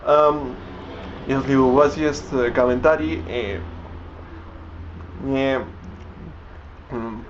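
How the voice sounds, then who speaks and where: Searching for words in a learned language, this young Spanish-native vlogger keeps breaking off and starting over, filling gaps as he goes. He speaks at an ordinary middle pitch in a steady tone, captured on a slightly dull, lo-fi recording with a faint hiss.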